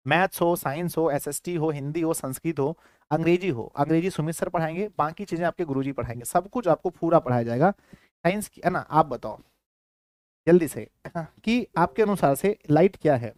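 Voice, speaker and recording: A man's voice: on the high side, a little fast, a little mellow, dry recording, clean studio sound. A man with a Bihari Hindi accent teaching a class, repeating himself and quizzing his students. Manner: repetitive, keeps quizzing students. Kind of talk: classroom lecture.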